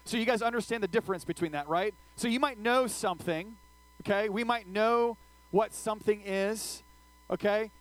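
A man's voice: high-pitched, moderate pace, fairly bright tone, poor audio. A man giving a casual youth sermon, checking in with his listeners after nearly every sentence and telling funny stories about himself. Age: adult, older than his teen listeners. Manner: tells funny personal stories, acting out his own screaming. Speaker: youth pastor.

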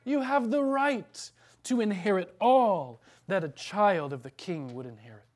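A man's voice: high voice, animated, measured pace. A man preaching an earnest, emphatic sermon as pastor, then leading a prayer in church.

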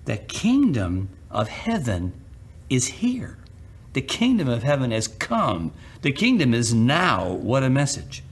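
A man preaching a sermon as a pastor, speaking with emphatic phrasing, dramatic pauses and acted-out quotations. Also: medium pitch, wildly swooping pitch, slightly rough.

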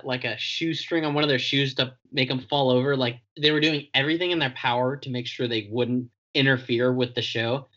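A man's voice: mid-range voice, a bit bright. A man chatting casually with a friend, recapping a show with easy fillers and frequent laughs. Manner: laid-back, laughs often, recaps plot with fillers. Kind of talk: casual chat. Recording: dull lo-fi sound.

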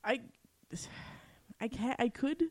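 A podcast co-host with a fairly high voice chats slowly and casually while recapping a TV episode. She is giggly, laughing often as she talks.

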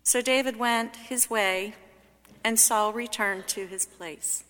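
A woman reading scripture solemnly at a church service, with measured, deliberate phrasing, in a cathedral-like echo. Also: fairly high pitch, a bit bright. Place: large reverberant church. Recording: cathedral-like echo, long reverb.

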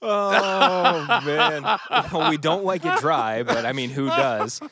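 A man's voice: on the high side, slow, sharp tone. A man co-hosting a comedy show, reading listener mail and trading casual banter.

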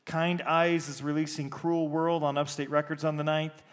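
A man's voice: a little high, flat delivery, normal speed. A man hosting a podcast, reading out new music releases in an informal way and spelling out names, with a big room echo on his voice. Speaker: podcast host. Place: echoey, stripped-out basement.

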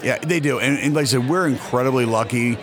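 Against the noise of a busy convention crowd, a man in his fifties who owns a store gives a casual, rambling interview. He talks quickly at medium pitch and tends to repeat words as each sentence gets going.

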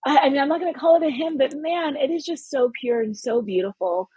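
A woman from California, a podcast guest telling animated personal stories in casual chat. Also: sits high, fast talker, dry recording, low-quality recording. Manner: animated, expressive storytelling.

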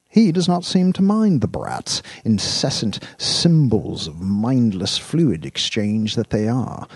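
A man's voice: mid-range voice, darkish tone, breathy edge, no echo, pitched above the performer's own voice, heavily acted. A man voicing a cool, formal male executive who speaks in a clipped, haughty, sardonic way.

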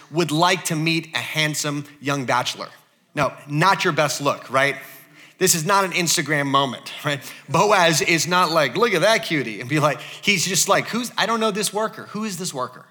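A male pastor delivering a lively, joking sermon in a bright, forceful voice pitched a little high. He talks to the congregation conversationally, full of asides. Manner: animated, joking, conversational preaching with many asides. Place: church.

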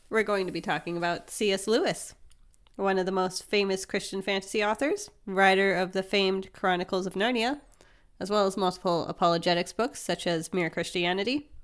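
A woman hosting a podcast, explaining things in an upbeat, conversational way with frequent laughs. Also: mid-range voice. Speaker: podcast host. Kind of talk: casual chat.

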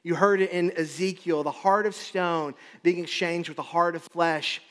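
A male pastor delivering a sermon in an emphatic, rhythmic cadence, hammering home his points through repetition. His voice sits fairly high for a man. The sound carries the long reverb of a large hall. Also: steady tone, normal speed, a bit bright.

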